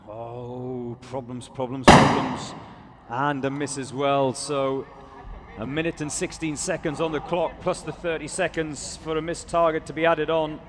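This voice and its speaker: A man's voice: on the high side, steady tone, normal speed. A man commentating live at an outdoor competition, chatty and self-correcting, and talking straight to the viewers watching online. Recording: crowd noise behind.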